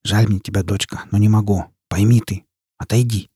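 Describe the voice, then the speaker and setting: A man voicing a frightened male innkeeper, nervous and falsely loud. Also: on the low side, fairly even intonation, moderate pace, breathy edge, no echo, studio quality.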